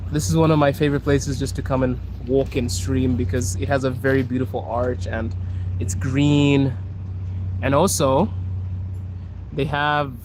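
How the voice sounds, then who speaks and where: With a mid-range, darkish voice, a Zimbabwean man strolls city streets on a live stream, chatting casually and voicing his viewers' comments. He's a streamer and podcast host, and the noisy street recording carries plenty of traffic.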